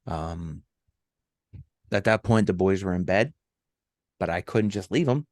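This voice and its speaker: A middle-aged man with a low voice recounts a personal story for a podcast, stopping and restarting often with ums. The sound is close and dry, with almost no room around it. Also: a little mellow, no echo. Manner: halting, with many ums and restarts. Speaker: podcast co-host.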